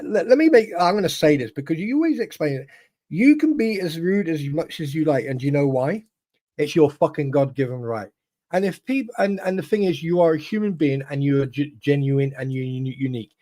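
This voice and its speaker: A man talks on a livestream in a raised, fairly high voice. He is emphatic and swears freely. He stumbles and restarts his sentences as he pushes his point. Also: darkish tone. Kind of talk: casual livestream chat.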